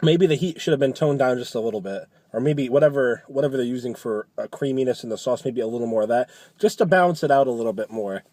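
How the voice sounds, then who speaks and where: A man's voice: medium pitch, quick pace, a little mellow, no echo. A man giving a casual, chatty food review, talking loosely and often rephrasing as he goes.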